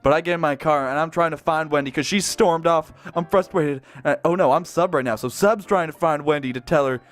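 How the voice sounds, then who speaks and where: A man reading fan fiction aloud, breaking off often with excited, gushing reactions and laughter. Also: fairly high pitch, fairly quick, soft background music.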